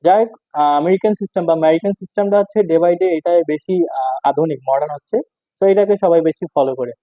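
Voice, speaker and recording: A man runs a casual English lesson, repeating each phrase and quizzing his listeners as he goes. His voice sits high, and the English examples come slow and spelled out. The sound is tinny and dry, close and narrow like a phone line. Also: dark tone, no echo. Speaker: English teacher.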